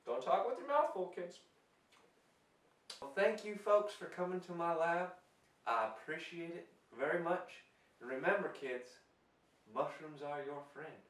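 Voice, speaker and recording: Guy doing a folksy mushroom scientist, high-ish voice, kinda far off in an echoey room. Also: lively intonation, measured pace, long pauses, a bit bright. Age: young adult. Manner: chatty, homespun lecturing to folks and kids. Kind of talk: amateur news-parody acting. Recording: roomy, distant from mic.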